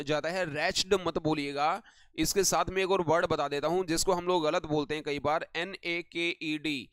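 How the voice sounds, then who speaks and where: A man's voice: on the high side, a bit bright, smooth, no room sound. A man teaching English vocabulary on a live online class, greeting viewers by name and asking and answering his own questions.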